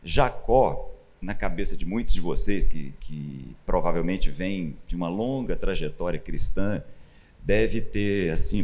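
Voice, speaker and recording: A Brazilian man preaching in a conversational teaching style, animated and acting out the people he quotes. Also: low-pitched. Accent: Brazilian Portuguese. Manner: animated, acts out quoted voices with rising emphasis. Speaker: pastor. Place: church stage.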